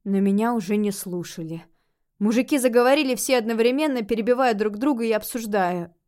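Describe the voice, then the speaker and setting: A woman narrating a first-person audiobook in an expressive, lively way. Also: on the high side, fairly quick.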